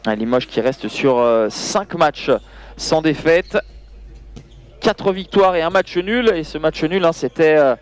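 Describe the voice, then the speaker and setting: A man with a high-pitched voice calls handball highlights as a live commentator. His delivery is excitable and surges when the play heats up. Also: takes it slowly, clear, resonant tone. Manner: excitable, voice surging on big plays. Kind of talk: live sports commentary over match highlights.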